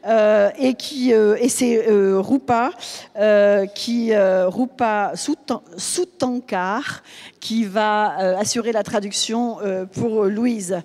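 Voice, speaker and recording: A woman's voice: mid-range voice, steady tone, takes it slowly, darkish tone. A woman hosting a book festival panel, introducing guests with many hesitations and fillers. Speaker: host. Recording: long hall reverb.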